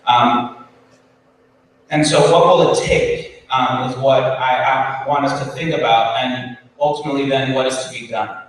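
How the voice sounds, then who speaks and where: Recorded from far off in a roomy school hall with an audience and faint ambience, a man delivers an earnest keynote to educators, stumbling through ums and restarts. He speaks at a measured pace in a mid-range voice with fairly even intonation.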